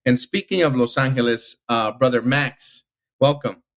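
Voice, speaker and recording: A man's voice: mid-range voice, fairly even intonation, moderate pace, a bit bright. Friendly male podcast host. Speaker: podcast host, union president. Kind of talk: podcast hosting.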